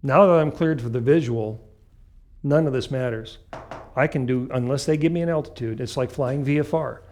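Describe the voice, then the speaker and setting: A man's voice: medium pitch, moderate pace, a little mellow. Male flight instructor, emphatic and step-by-step. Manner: emphatic, step-by-step explaining with short clipped phrases. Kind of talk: instructional talk with acted radio call examples.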